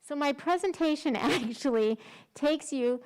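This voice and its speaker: A woman's voice: sits high, unhurried, noisy background. A middle-aged woman giving a conversational conference presentation, informal and self-deprecating, speaking through a face mask that slightly muffles her words. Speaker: special education director presenting.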